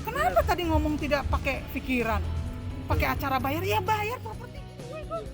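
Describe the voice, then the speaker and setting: Older lady driver telling a story, high voice, plays out both sides of every argument. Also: moderate pace, over music. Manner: animated, acts out both sides of dialogues. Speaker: online taxi driver, guest. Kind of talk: casual storytelling interview.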